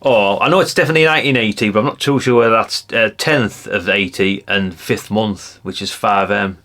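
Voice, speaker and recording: Flipping through a brochure, this British hobbyist host chats colloquially to his viewers in a loose, rambling way, frequently adding questions to the ends of his remarks. He speaks fairly quickly, in a fairly low voice that sounds pushed and bright.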